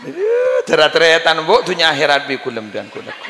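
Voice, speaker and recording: A man preaching a comic sermon with a Madurese accent, jokey and lively, often laughing and breaking into chant, at a live religious gathering. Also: fairly high pitch, a little fast, background noise. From Indonesia. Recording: echoey live hall with ambience.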